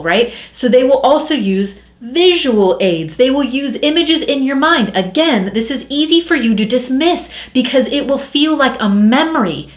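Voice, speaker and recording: A woman speaking as a spiritual coach in a casual teaching talk, chatty and animated, acting out inner voices as she explains. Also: a little high, reverberant.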